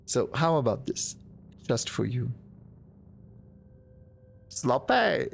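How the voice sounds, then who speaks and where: Male game streamer, self-deprecating casual chat with a lively pitch and faint hiss behind. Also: measured pace, creaky. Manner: self-deprecating, laughs often.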